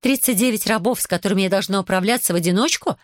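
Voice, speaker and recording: A woman's voice: mid-range voice, very fast, dry recording, clean studio sound, voice pushed up, natural voice. A woman reading an audiobook, voicing a fretful, spiteful plantation mistress who whines and hisses her complaints. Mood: whining. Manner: whining, hissing, complaining.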